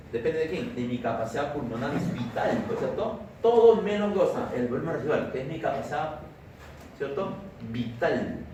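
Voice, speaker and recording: His voice on the high side, a male lecturer from Peru delivers a physiology class in a Peruvian Spanish accent, forever checking with students through "¿cierto?" ("right?") and "¿estamos?" ("are we clear?"). He's recorded from a distance on a camera mic in a large echoey classroom full of noise.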